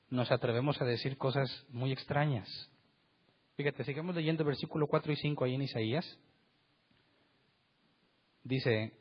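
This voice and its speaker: A husky-voiced man delivering a church sermon, pressing his points with rhetorical questions and acting out the voices in the passages he reads. The recording is dull and lo-fi. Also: medium pitch. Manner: emphatic, rhetorical questions, acts out quotes. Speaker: pastor. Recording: dull lo-fi sound.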